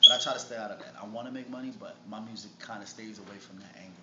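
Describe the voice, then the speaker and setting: Speaking very fast in a fairly low, fairly even voice, this New York–accented man from Harlem answers interview questions as a rapper, loose and full of slang. The recording, made in a room, comes across noisy, muffled, and echoey.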